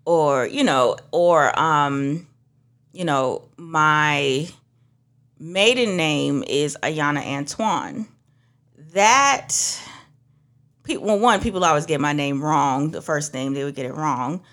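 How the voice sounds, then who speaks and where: A young woman from Trinidad, a minister who also works in beauty, tells stories in casual conversation with a low voice and a slow pace. She's animated, acting out what other people said in their own voices.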